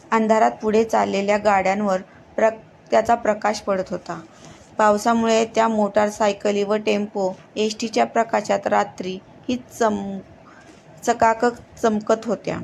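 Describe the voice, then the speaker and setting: Reading a horror story aloud, a woman keeps a steady pace despite frequent slips and restarts. Her mid-range voice carries vocal fry, and slight background noise is audible.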